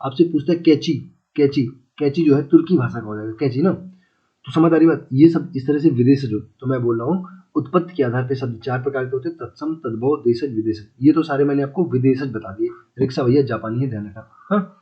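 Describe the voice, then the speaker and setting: A man's voice: mid-range voice, a little fast. A man teaching a casual exam-prep Hindi lesson, repeating key words and asking listeners if they follow. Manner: repeats key words, asks checking questions; chatty, calls listeners brother and friends. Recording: slightly dull lo-fi audio.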